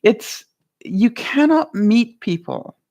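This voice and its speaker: A woman vlogger chats casually on a livestream, answering viewers by name. She's lively and quick to laugh, and her fairly high-pitched voice is loud and carries well.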